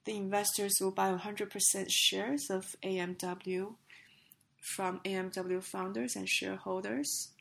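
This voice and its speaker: Hoarse, very gravelly woman reading news. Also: mid-range voice, little pitch movement, a little slow, fairly bright tone. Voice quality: rough, gravelly voice. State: hoarse with a sick, coughing voice. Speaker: podcast news host. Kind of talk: scripted business news reading.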